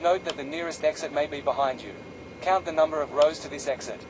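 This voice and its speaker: A man reading scripted cabin safety announcements as a flight attendant, formal and measured. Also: a little high, background noise.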